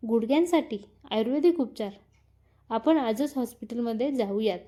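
A woman's voice: on the high side, animated, moderate pace, mellow. A woman voicing a young husband who speaks urgently and earnestly. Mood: worried. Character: young husband, worried and protective.

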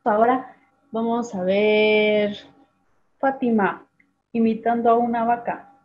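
A woman teacher runs an online class, patiently calling on students by name and repeating sounds slowly. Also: fairly high pitch, fairly even intonation. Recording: tinny phone-like video call audio.

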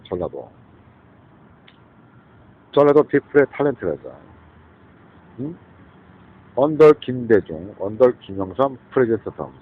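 A man's voice: medium pitch, breathy edge. A man from the region, rambling in a monologue outdoors on a street, often asking "eh?" and slipping in English phrases. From Gyeongsang region, South Korea. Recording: tinny phone-like sound with faint street noise.

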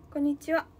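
High-voiced young woman chatting casually. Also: mellow, a little hiss or hum. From Nagano, Japan. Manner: chatty, thinks aloud, greets viewers often. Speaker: livestreaming idol. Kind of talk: casual livestream chat.

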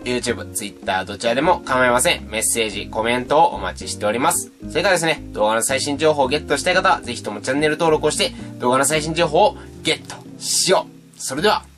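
A man's voice: medium pitch, fairly bright tone. A man giving a casual, playful beatbox tutorial and demonstrating sounds as he explains. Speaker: beatbox teacher.

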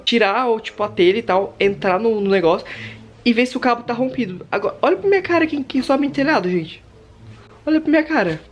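A young man with a Brazilian accent, vlogging in an excitable, dramatic way, talking straight to his viewers into a handheld camera. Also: very high voice, a little hiss or hum. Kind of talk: casual vlog talk to viewers.

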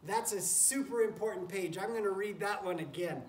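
A man with a high-pitched voice, speaking at normal speed, reads a picture book to children the way a teacher would, offering encouragement and turning aside to talk to the animals. The setting is a wooden barn pen with straw, among goats and chickens. Sound is roomy and noisy, taken by a camera mic a few feet away.

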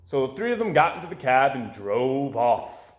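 With a mid-range, sing-song voice at moderate pace, a man in his 20s reads a children's story aloud, leaning into dramatic emphasis. The sound is lo-fi, with the roomy echo of a small indoor room full of bookshelves.

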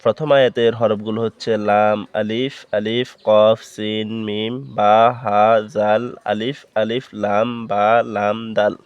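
Smooth-voiced man spelling out Quran verses. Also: fairly low pitch, level tone, no echo, muffled recording. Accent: Bangladeshi Bengali. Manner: spells each letter and vowel mark, then chants the verse slowly. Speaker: Quran reading teacher. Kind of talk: slow spelling-out recitation lesson.

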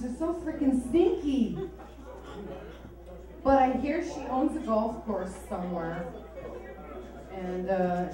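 A woman comedian from Hawaii doing a stand-up set on a comedy club stage with sardonic, bawdy punchlines. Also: on the high side. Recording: echoey club sound from far off.

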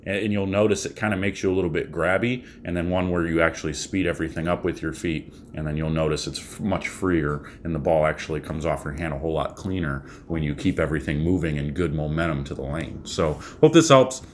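A man in his thirties, a bowling coach, shares a casual tip to camera from a small home room in a rumbling low voice. He talks briskly with few pauses, rambling with fillers and restarts, and a little hiss or hum is audible.

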